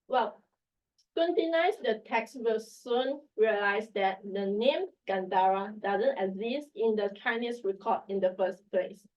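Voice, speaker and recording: A woman with a sick voice, clearing her throat, reading an academic paper in at a lecture-room symposium. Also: medium pitch. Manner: reads a prepared paper, measured. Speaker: academic presenter. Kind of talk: conference paper presentation. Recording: distant, dull room mic.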